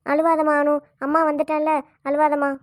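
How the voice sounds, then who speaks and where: A woman's voice: high-pitched, monotone, fairly quick, no echo, studio quality, pitched below the performer's own voice, natural voice. A woman voicing a middle-aged mother who tearfully soothes her daughter and begs her forgiveness, in an amateur family drama. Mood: tearful soothing. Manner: soothing, pleading.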